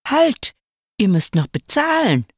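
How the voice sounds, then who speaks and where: A woman voicing a scolding bakery saleswoman in a read-aloud fairy tale, in a shrill voice. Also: big pitch swings, measured pace, no room sound, clean studio sound.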